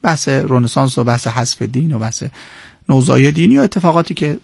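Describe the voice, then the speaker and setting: A man with a gravelly, slightly husky voice tells a historical episode on a radio program. He talks in an animated way and shifts his tone when he quotes people. The sound is dry and close. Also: mid-range voice, no room sound. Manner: animated storytelling, quoting figures in shifting tones. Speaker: guest lecturer on history. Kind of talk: radio interview, explaining history.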